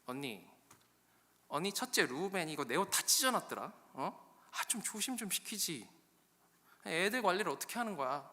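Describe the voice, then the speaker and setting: A man's voice: medium pitch, lively intonation, measured pace, pushed and bright. A man voicing a pampered young wife who whines and complains petulantly. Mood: complaining. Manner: whiny, petulant, cooing. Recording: long echo of a church hall.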